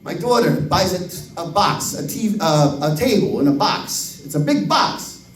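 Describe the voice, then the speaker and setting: Fifty-something guy doing profane standup, high voice, echoey room. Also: measured pace, distant mic, slight background noise. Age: 50s. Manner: profane, animated, acts out voices. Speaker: stand-up comedian. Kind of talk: stand-up comedy storytelling. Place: comedy club stage. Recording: roomy echo, voice from the mic.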